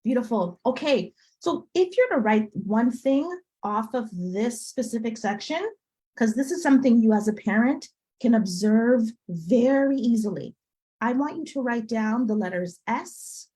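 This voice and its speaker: A woman with a slightly high voice leads an online class, upbeat and teacherly. She keeps checking in with her listeners as she goes. Her voice comes through a video call. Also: lively intonation, a little slow, mellow, rough recording. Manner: upbeat teacherly, frequent "okay?" check-ins. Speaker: French tutor. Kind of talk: live online class for parents.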